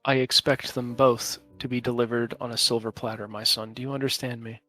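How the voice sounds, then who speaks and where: A man's voice: mid-range voice, level tone, brisk, sharp tone, natural voice. A man plays an ancient vampiric presence speaking inside the mind. It is fatherly and regal, with stately, condescending displeasure and patient menace, in tabletop role-play over music. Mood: cold command. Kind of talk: game master acting a character in tabletop role-play.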